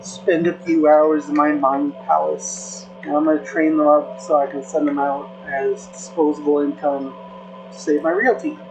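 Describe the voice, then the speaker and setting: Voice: medium pitch, fairly even intonation, moderate pace, soft background music, natural voice, poor audio. A person voicing a cold, manipulative male mentor who speaks in a dismissive, matter-of-fact way.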